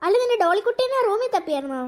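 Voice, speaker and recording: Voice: very high voice, big pitch swings, racing. A performer voicing a caring older brother in a cartoon, talking in a coaxing way. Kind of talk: cartoon voice acting.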